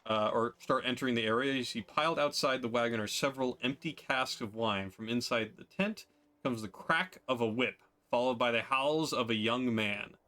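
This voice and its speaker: Guy running a tabletop game, mid pitch, chatty and loose. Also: moderate pace, bright, forceful tone. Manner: casual, with fillers and laughs. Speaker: game master.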